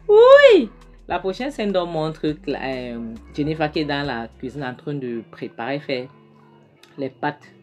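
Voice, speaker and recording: Brief: chatty woman recap host, fond with her audience, deep voice. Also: unhurried, highs cut off, faint music behind. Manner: chatty, addresses viewers affectionately. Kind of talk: storytelling film recap.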